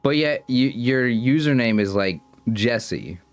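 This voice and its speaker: A man's voice: medium pitch, animated, slow, no echo, soft background music. A young man streaming and chatting casually with his viewers, rambling and self-conscious, often stumbling and restarting his sentences. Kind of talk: casual livestream chat with viewers.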